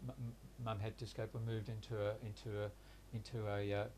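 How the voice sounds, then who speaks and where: With a flat, even voice of fairly low pitch, an older man recounts his life in a reflective interview, stopping and restarting often in a halting, hesitant way. He is in his sixties, originally from Hungary with Hungarian as his first language, and was raised in Australia. A little hiss or hum runs under the recording.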